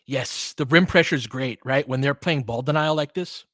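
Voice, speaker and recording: In a medium-pitched voice at normal speed, a man gives casual play-by-play of a live basketball game as a fan analyst. His clipped commentary swings from muttering to excitement, and the recording is dry and studio quality.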